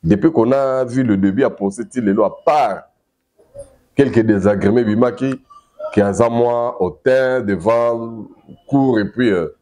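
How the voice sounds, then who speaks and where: A man's voice: medium pitch, unhurried, warm tone. Emphatic Congolese male news commentator. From Democratic Republic of the Congo. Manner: emphatic, repeats key phrases, mixes two languages freely. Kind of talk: animated political commentary.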